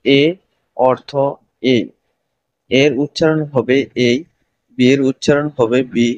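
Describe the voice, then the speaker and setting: A man teaching English pronunciation, reciting letters in a steady, list-like way. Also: mid-range voice, slow pace, dry recording, dull audio. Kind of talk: scripted pronunciation lesson.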